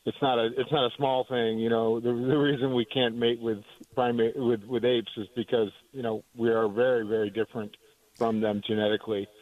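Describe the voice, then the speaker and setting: A man from Maine calling in to a radio show over the phone, talking in a halting way as he searches for words. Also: mid-range voice, level tone, dry recording. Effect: heard over the phone. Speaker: caller. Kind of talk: call-in radio chat. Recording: tinny dry phone line.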